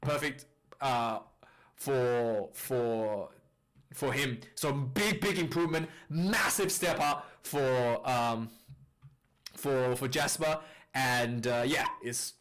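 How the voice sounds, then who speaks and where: A man's voice: medium pitch, slow pace, fairly bright tone. A man casually reviewing a rugby match, rambling with fillers and restarts, recorded on a distorted, clipping mic. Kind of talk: casual video commentary.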